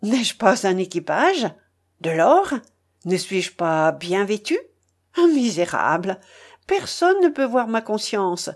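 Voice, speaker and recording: A woman's voice: medium pitch, sing-song, slow pace. A woman reading a sneering, ferocious pirate. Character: cold, ferocious male pirate, arrogant and mocking.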